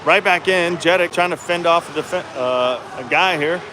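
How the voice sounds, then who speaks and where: A man's voice: on the high side, normal speed. Man calling hockey in an echoey rink. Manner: informal, colloquial, chatty with exclamations. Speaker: hockey play-by-play commentator. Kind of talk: casual live sports commentary. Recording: echoey noisy rink, ambient clatter. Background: clear rink noise and ambience.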